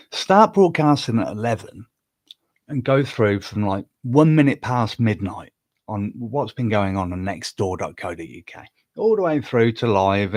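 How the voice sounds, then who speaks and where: An Englishman with a mid-range voice hosts a casual solo livestream from a room in his home, heard in a dry recording. He rambles and talks to himself with many fillers and restarts, softly cooing at his cat now and then.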